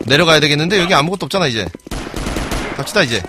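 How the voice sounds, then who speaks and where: A male game streamer with a high voice that swings widely as he talks his way through a match. He gets excitable and swears and yells at other players. Clear game noise and clicking run behind him. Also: rapid-fire. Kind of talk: live gameplay commentary.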